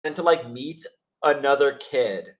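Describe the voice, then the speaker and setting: A man hosting a chat, telling stories casually and rambling, with many "like" fillers and restarts, and acting out quoted voices. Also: measured pace. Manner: rambling, heavy use of "like" and restarts; acts out quoted voices with lively pitch jumps. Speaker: host of office hours.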